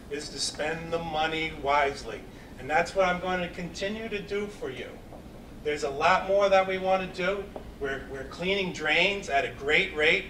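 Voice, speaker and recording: A man with a high, bright voice and a New York accent makes an earnest, plainspoken campaign appeal. He is picked up from across an echoey meeting hall, faint noise underneath. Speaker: town candidate. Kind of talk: campaign debate statement. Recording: echoey room from a distant mic, faint noise.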